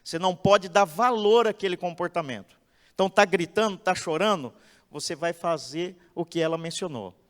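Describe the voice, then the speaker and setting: A man's voice: sits high, moderate pace. A man, preaching animatedly in a church and often asking "entende?". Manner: animated, acts out quotes, asks "entende?". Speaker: pastor giving a talk. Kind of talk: expressive sermon-style lecture. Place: church hall. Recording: echoey church hall.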